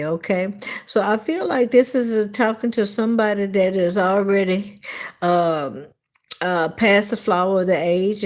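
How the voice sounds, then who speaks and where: A woman's voice: mid-range voice, darkish tone. A woman hosting a casual live tarot reading, chatty and emphatic, often checking in with "okay?". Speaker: tarot reader hosting a livestream.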